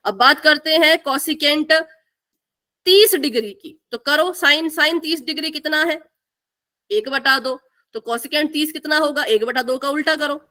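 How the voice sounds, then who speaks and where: A woman's voice: high-pitched, measured pace, pushed and bright. A young woman teaching a live online math class, asking the students questions and repeating the key answers.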